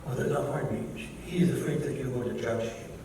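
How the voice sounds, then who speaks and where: An older native German speaker with a German accent delivers a keynote built on personal testimony, reflectively recounting stories, quoting others, and correcting himself along the way. His mid-range voice moves quickly. The recording comes from an echoey hall with a distant mic and background noise.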